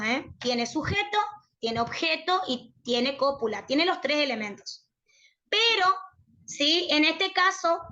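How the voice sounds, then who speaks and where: A woman's voice: sits high, pushed and bright, highs cut off. A woman with an Argentine Spanish accent teaching a university prep logic lesson, checking in with her students after nearly every phrase. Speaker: tutor.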